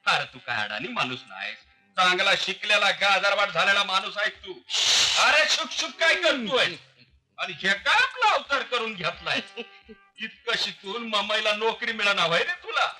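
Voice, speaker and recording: An actor playing a loud, scolding village uncle, in an old film scene. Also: male voice, high-pitched, big pitch swings, normal speed, soft background music, exaggerated voice. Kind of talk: 1970s film acting.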